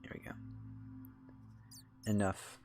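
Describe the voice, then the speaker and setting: A man's voice: slow pace, a little mellow, soft background music. A young man streaming a game, chatting casually in a rambling way full of fillers and restarts. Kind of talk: casual chat while gaming.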